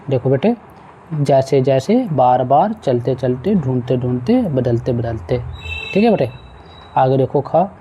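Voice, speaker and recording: A man's voice: medium pitch, warm tone, lo-fi sound, slight background noise. A man teaching a school lesson, patiently walking pupils through a textbook exercise and repeating words as he goes. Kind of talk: explaining a textbook exercise to students.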